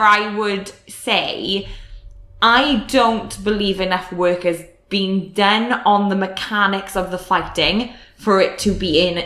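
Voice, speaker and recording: Bright-toned woman, hesitant chat. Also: medium pitch, reverberant. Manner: hesitant, many fillers and restarts, detailed opinions. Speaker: podcast co-host. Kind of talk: casual chat, game review.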